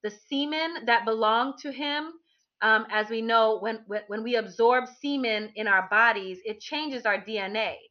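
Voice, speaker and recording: A woman's voice: fairly high pitch, moderate pace. A woman candidly telling a personal story to her listeners, talking animatedly with many restarts and fillers. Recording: dull lo-fi recording.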